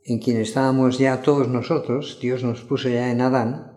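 A man preaching a sermon, reading Bible passages slowly and stressing the crowd's cries. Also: medium pitch, flat delivery, warm tone. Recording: echoey room.

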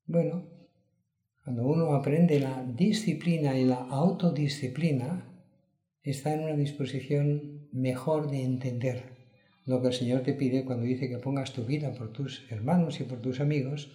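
A man's voice: mid-range voice, fairly even intonation, unhurried, warm tone, reverberant. A man preaching a sermon, earnest and questioning, rising to emphatic peaks.

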